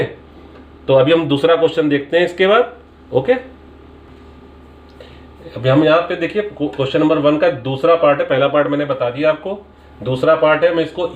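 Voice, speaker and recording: A man teaching maths, working through a problem step by step with a patient manner. His voice sits a little high. The room around him rings with echo. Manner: patient step-by-step explaining, mixing English terms. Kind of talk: Hindi-English maths lesson explaining a paper. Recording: echoey room sound.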